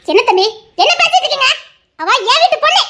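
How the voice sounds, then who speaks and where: A woman's voice: very high voice, sing-song, fast talker, pushed and bright, exaggerated voice. A woman voicing a defiant middle-aged mother who sharply scolds the man who wants her daughter. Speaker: bride's mother.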